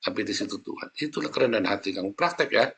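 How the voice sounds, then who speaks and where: A man preaching a sermon as a pastor, speaking in a lively, chatty way and often addressing listeners directly. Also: on the low side, very fast, creaky, slightly rough.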